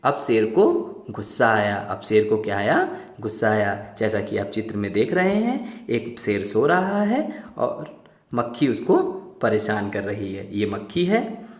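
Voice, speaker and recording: A male teacher reading a story aloud to young children, repeating questions and explaining new words. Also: lowish voice. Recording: roomy echo.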